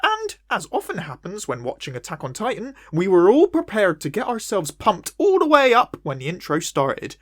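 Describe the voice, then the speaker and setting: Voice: medium pitch, moderate pace, hardly any pauses, no echo. [name], someone voicing a dorky West Country puppet. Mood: lively. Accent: West Country English. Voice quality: self-mocking, jokey asides. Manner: wildly swooping, animated delivery. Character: dorky little male puppet reviewer. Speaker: anime review host. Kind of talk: comedic video review.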